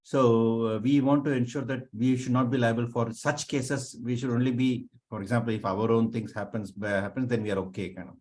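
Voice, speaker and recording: A man explaining things informally on a video call in an online meeting, in a halting, repetitive way. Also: medium pitch, fairly even intonation, a little mellow. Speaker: working group participant presenting.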